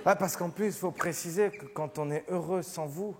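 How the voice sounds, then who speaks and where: Stand-up comic, male, high voice, lively, live theatre with long reverb and a laughing crowd. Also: normal speed, background noise. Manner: animated, acts out scenes with shifting voices. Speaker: stand-up comedian. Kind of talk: one-man stand-up show. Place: theatre stage with live audience. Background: audience laughing.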